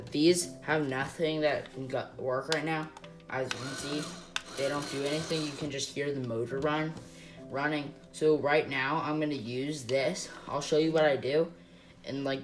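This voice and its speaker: A woman's voice: low-pitched, moderate pace. A woman chatting casually through a Lego build vlog, rambling and hesitant with lots of fillers. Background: guitar music.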